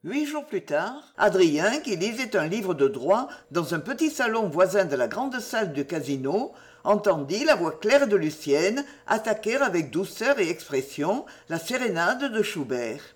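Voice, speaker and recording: Expressive woman reading a novel aloud. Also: mid-range voice, a little slow. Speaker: narrator. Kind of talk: storybook narration.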